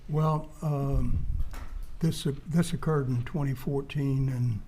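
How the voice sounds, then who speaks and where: A man giving courtroom testimony as a witness in a hesitant, halting, understated way. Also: mid-range voice, steady tone, dark tone, a little hiss or hum.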